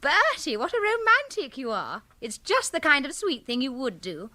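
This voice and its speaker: Posh english young woman, gushing but bossy, highish animated voice, radio play. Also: moderate pace, full character voice. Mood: gushing romantic. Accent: upper-class English. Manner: gushing, commanding, earnest. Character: imperious, romantic upper-class English young lady, earnestly self-assured. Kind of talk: comic radio drama acting.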